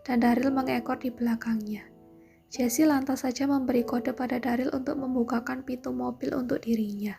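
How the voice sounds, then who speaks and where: A woman reading a romance novel aloud in a steady, even narration. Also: sits high, brisk, gravelly, faint music behind. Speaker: novel reader.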